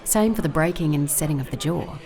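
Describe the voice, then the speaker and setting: A woman with a low, mellow voice speaks fairly quickly as the lead actor in an audio drama. Her character, a wry, methodical private investigator, muses drily in a first-person case log and dictates clipped notes. A faint crowd can be heard.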